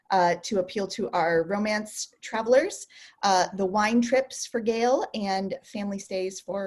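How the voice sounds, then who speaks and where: A medium-pitched woman, co-founder of a travel company, gives a casual presentation over a video call. She's chatty, laughs easily, and uses lots of ums and restarts.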